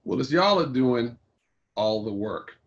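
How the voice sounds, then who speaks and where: A man playing a facilitator who leads a group talk with calm, encouraging questions in a video-call play. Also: mid-range voice, measured pace, muffled recording. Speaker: workshop facilitator on race.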